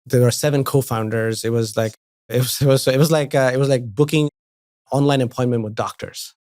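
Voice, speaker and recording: A man's voice: medium pitch, steady tone, brisk, a little mellow, no room sound, clean studio sound. A man from India in his forties, a guest talking casually in an interview, often restarting and repeating words. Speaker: venture investor, podcast guest.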